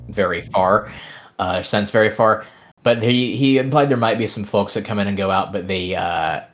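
A man narrating as game master of a tabletop game, relaxed and rambling with fillers. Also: on the low side, normal speed.

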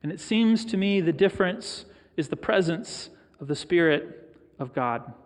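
A middle-aged man delivers a sermon, shifting into personal stories with thoughtful pauses. His voice sits fairly high for a man. The sound carries the long reverb of a large church sanctuary. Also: expressive. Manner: storytelling, reflective, with pauses for emphasis. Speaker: pastor.

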